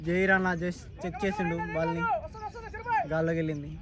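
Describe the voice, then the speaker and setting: Male amateur Telugu cricket commentary, Telangana accent, higher-pitched voice, English cricket terms, short exclamatory calls, outdoors with clear crowd noise. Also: flat delivery, fairly quick. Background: crowd and outdoor sounds.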